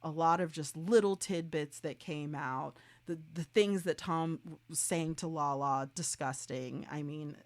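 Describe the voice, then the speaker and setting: A woman hosting her own solo podcast, chatting in an animated way with quick rants and restarts. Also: low-pitched. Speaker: podcast host.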